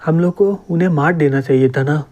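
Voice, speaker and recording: A man's voice: fairly high pitch, fairly even intonation, a little fast, dark tone, close to an everyday voice. A man reading the lines of a loyal, eager young female warrior in a comic recap. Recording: dull lo-fi recording.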